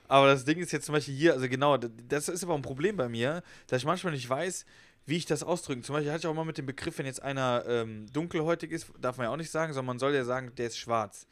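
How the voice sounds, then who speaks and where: A man's voice: medium pitch, fast. A young man telling a story in casual, slangy podcast chat, as a co-host.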